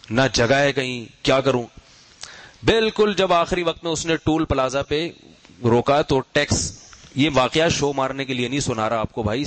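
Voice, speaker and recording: A middle-aged man giving a Friday sermon, telling stories with rhetorical questions and humorous asides, and getting loud and emphatic when he scolds. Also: a little high, no room sound, rough recording. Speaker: preacher.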